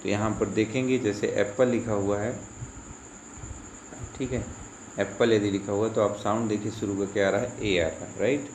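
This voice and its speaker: A man's voice: lowish voice, steady tone, normal speed, darkish tone. A male school teacher explaining English grammar, patiently asking and answering his own questions as he goes. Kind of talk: grammar lesson explained in Hindi. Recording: echoey room with faint insect noise.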